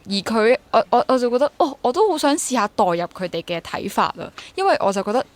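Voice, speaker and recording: A young adult woman with a Hong Kong accent, a theatre actor appearing as an interview guest, talks fast in a fairly high, sing-song voice. She chats casually and reflectively, mixing in English words.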